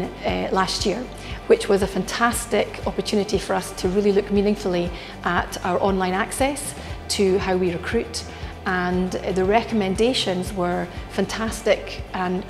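Middle-aged woman, hotel director, earnest, halting delivery, loud music bed. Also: mid-range voice. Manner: earnest, with frequent ums and restarts. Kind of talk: filmed workplace interview. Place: indoor hotel bar. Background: background music.

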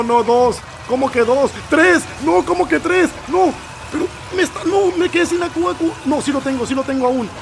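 A man giving excitable, nervous let's-play commentary and constantly calling out to his viewers. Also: extremely high pitch, slight background noise. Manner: excitable, nervous reactions, keeps addressing viewers as "gente". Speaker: gameplay commentator.

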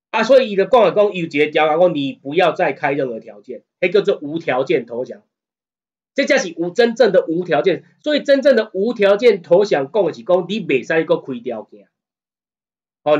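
A man with a husky, slightly high voice and a Taiwanese accent gives a relaxed law lecture in Taiwanese Hokkien mixed with Mandarin, captured on a muffled recording. He often checks in with "you know what I mean?" and becomes heated and emphatic in argument.

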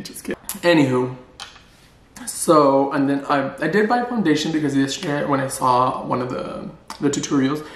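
A man chatting playfully in a casual vlog and joking at his own expense. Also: fairly high pitch. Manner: playful, chatty and self-mocking. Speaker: vlogger. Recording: roomy echo.

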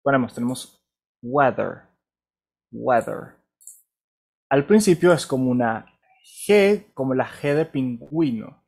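A man's voice: medium pitch, animated, a little slow, vocal fry, darkish tone. A man with a Venezuelan Spanish accent teaching an online English class, patient and encouraging, often checking in with "ok?". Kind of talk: online class, explaining pronunciation. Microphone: video call.

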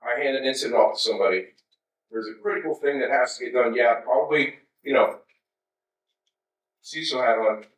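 A man's voice: medium pitch, expressive, fairly quick, pauses often. A man in his fifties giving a conversational conference keynote, with wry asides to the audience. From United States. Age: 50s. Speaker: keynote speaker. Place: large darkened conference hall. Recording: roomy hall sound from a distance.

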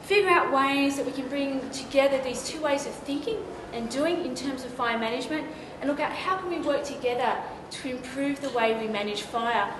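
High-voiced woman in an echoey room. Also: normal speed, few pauses, background noise. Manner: explanatory. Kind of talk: interview explanation.

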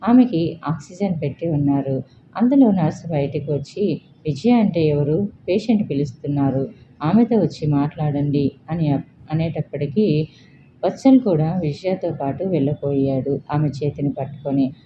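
A woman reading a serialized family drama story aloud, voicing every character lightly in a plain, steady way. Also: low voice, normal speed. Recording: dull lo-fi recording with steady background noise.

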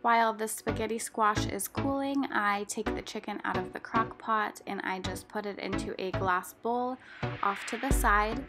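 A young adult woman, a lifestyle vlogger, calmly narrating a recipe step by step in a cooking voice-over. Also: mid-range voice, moderate pace. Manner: calm step-by-step instructions. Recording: voice-over over loud music. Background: loud background music.

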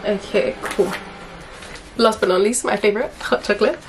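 A woman's voice: mid-range voice, moderate pace, background noise. A young woman chatting frankly through a makeup haul, casual and swearing now and then. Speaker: beauty vlogger.

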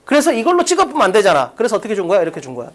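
A woman's voice: medium pitch, wildly swooping pitch, racing. A woman teaching an English exam-prep class live in a classroom, firing off rhetorical questions and bluntly pushing her students. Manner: blunt, teasing, occasionally crude. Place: classroom with blackboard.

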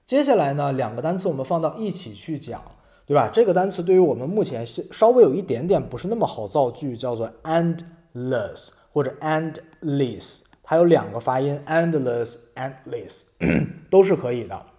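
A man's voice: fairly high pitch, big pitch swings, normal speed, warm tone. A man teaching an English vocabulary lesson in Mandarin. He explains step by step, reads English example sentences aloud, and keeps checking with tag questions.

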